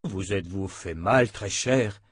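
A powerful, pious official, as a man reading the tale plays him, oily and solemn in his courtesy. He speaks slowly and deliberately, the sound close and dry. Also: deep voice, slightly rough, no echo. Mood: unctuous.

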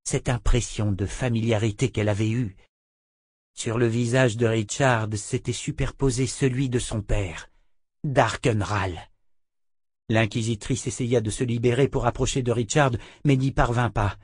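Male audiobook narrator, measured and slow, dry studio sound. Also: mid-range voice, steady tone, breathy edge, no room sound. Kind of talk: scripted narration.

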